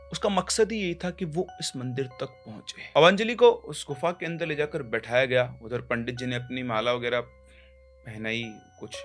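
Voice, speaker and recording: A man narrating a horror story in a conversational, explaining way, with small restarts. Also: mid-range voice.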